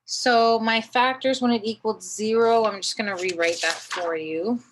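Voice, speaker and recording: A woman's voice: fairly high pitch, fairly even intonation, normal speed, background noise. A woman teaching a math lesson, patiently talking through each step and often checking in with "right?".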